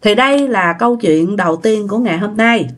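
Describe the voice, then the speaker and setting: A woman tells a ghost story casually and chattily, talking straight to her listeners. Her voice is mid-range and a little fast.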